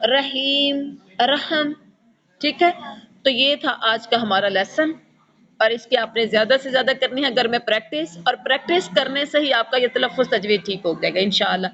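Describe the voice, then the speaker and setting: A woman's voice: high-pitched, a bit bright, lo-fi sound. A woman teaching a Quran pronunciation lesson, patiently demonstrating letter sounds over and over and quizzing her pupils. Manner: patient, instructive, asks pupils questions.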